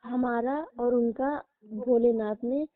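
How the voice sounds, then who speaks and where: This is a telephone recording of a young adult woman from rural India's Uttar Pradesh, confiding plaintively in her partner during an intimate, casual call. She speaks slowly in a steady, fairly high voice, and the line is narrow, tinny and dry, with no room sound.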